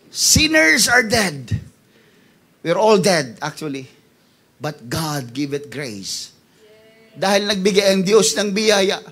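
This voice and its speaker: A man, a pastor preaching a sermon with passion, swinging between hushed lines and shouting. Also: high voice.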